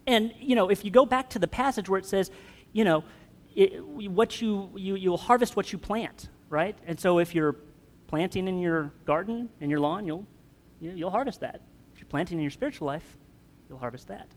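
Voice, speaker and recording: Pastor preaching in a reverberant hall. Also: male voice, high voice, moderate pace. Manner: conversational, joking with the congregation. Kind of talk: sermon.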